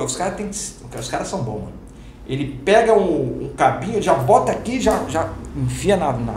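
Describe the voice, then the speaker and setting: A man, a pastor, telling a personal testimony to a class, acting out each exchange in slangy, lively speech. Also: sits high. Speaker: pastor and teacher. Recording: roomy hall with background noise.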